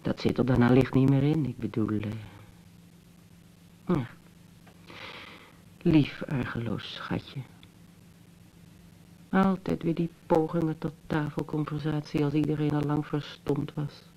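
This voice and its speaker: Gravelly wry brother, slow and mocking. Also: male voice, fairly high pitch, warm tone, slight background noise, rough recording. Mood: musing. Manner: slow, mocking, musing monologue. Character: wry, bitter adult brother, teasing yet tender. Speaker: brother reminiscing to his sister. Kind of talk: 1970s Dutch radio drama acting.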